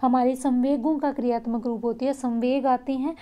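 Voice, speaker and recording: A woman's voice: high-pitched, steady tone, moderate pace, warm tone. A woman teacher giving an exam-prep lesson, restating each point in simpler words and checking in often.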